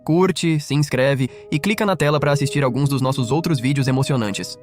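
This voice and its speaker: A man narrates a scripted recap at a brisk clip, his voice sitting at an ordinary middle pitch. He keeps a wry, teasing edge throughout, with faint music underneath.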